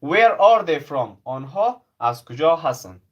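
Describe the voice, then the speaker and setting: A male English teacher, explaining grammar and reading example sentences slowly, each one twice. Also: fairly high pitch, sing-song, lo-fi sound. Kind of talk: bilingual classroom lesson.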